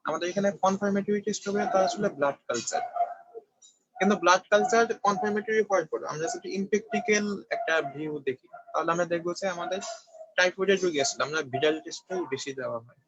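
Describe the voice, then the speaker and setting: Speaking fast in a high register with a fairly bright tone, this young Bangladeshi man is giving an online medical review lecture. He explains each step in turn and often checks whether students are following. The audio is dry, dull and a little lo-fi.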